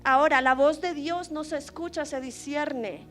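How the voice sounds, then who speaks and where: Woman preacher, high voice, fervent sermon with quiet storytelling turns, soft music bed. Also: a little slow. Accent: Latin American Spanish. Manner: swings from loud fervent preaching to hushed storytelling. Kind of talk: sermon with personal testimony.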